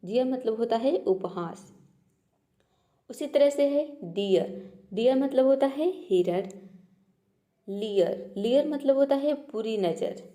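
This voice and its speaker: A woman's voice: sits high, lively intonation, a little slow, dark tone. A woman teaching a pronunciation lesson, explaining step by step and repeating each example patiently. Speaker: English teacher.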